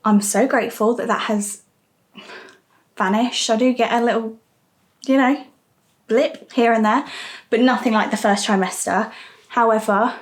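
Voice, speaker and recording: A woman's voice: fairly high pitch, fairly even intonation, unhurried, long pauses. A young woman talking casually to camera for her vlog, chatty and candid with little asides, audibly out of breath. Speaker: vlogger.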